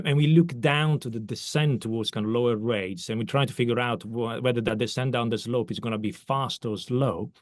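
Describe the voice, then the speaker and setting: Dry-sounding podcast host from Italy. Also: male voice, mid-range voice, darkish tone, no room sound. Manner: long winding questions with fillers like "kind of". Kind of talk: podcast interview.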